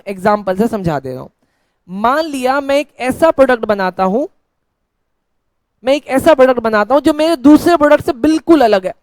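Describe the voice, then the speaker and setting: A man's voice: extremely high pitch, darkish tone, clean tone, no echo. Playful Hindi-speaking male teacher, dry close sound. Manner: playful, switches between teacher and mock student voice; dictates slowly, word by word. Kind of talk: classroom lecture.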